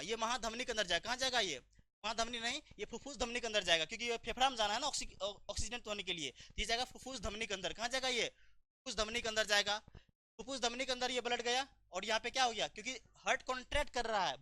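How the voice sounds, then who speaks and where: A man's voice: extremely high pitch, pushed and bright, dry recording. A man teaching a biology lecture, asking his own questions and answering them, repeating key terms.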